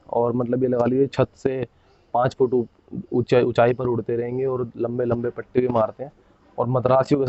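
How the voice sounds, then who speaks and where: A man showing his pigeons to the camera in a casual, chatty way, often tagging his sentences with a quick "okay?". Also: mid-range voice, dry recording, highs cut off. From India. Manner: chatty, keeps saying "bhai" and "theek hai". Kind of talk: casual hands-on show-and-tell.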